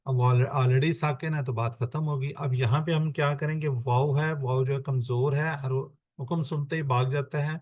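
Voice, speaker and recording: Male online tutor, mid pitch, patient and repetitive, video-call mic. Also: fairly even intonation, few pauses, a little mellow. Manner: patient, repeats points step by step. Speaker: Quran grammar teacher. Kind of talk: online class lesson.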